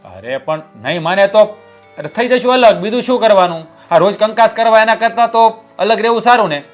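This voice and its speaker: A man's voice: fairly high pitch, brisk, soft background music, lightly acted. An actor playing a protective husband who takes his wife's side in a family drama. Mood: stern.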